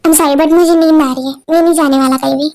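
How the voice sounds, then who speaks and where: A woman's voice: high voice, steady tone, fast, mellow, no echo. A woman voicing a cold, irritable young husband who talks in short, scolding lines. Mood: annoyed. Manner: curt, scolding.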